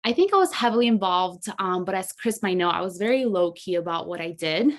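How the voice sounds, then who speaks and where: A woman's voice: fairly low pitch, expressive, brisk. A woman in her twenties, originally from Colombia and raised in South Florida, answering interview questions in a modest, reflective way. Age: 20s. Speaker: guest, graduate student.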